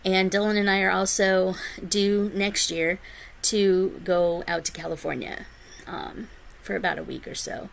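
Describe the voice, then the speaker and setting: A woman's voice: mid-range voice, fairly even intonation, a little slow, vocal fry. A woman in her forties chatting casually to her vlog viewers, rambling with lots of ums and sounding tired. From United States. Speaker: flosstube vlogger. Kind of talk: casual chat to camera.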